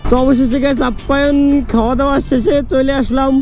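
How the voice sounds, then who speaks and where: A man's voice: very high voice, fairly even intonation, quick pace, music in the background. A young man vlogging casually to camera while he has a cold and fever, talking with people at a fuel pump and by the road. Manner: chatty, talks to camera and to people around him. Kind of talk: casual travel vlog. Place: roadside outdoors, in a car and at a fuel pump.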